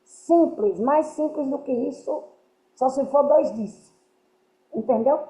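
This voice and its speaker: A woman's voice: sits high, slow, warm tone. A woman giving earnest spiritual teaching to a group, often checking that her listeners understand. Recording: roomy, dull lo-fi sound.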